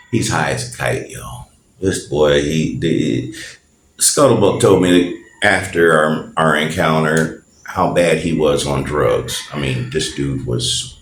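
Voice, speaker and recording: Slow, low-voiced man telling a story. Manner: slangy, talks straight to listeners, chuckles. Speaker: podcast host. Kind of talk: casual storytelling monologue. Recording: roomy echo, faint noise.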